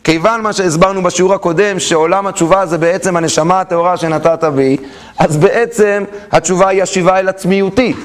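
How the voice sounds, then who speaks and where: A man teaching a Torah class, telling stories and asking the listeners questions, with an Israeli Hebrew accent. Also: high-pitched. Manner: animated, asks questions to the class and acts out story voices. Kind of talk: lively Torah lesson with storytelling.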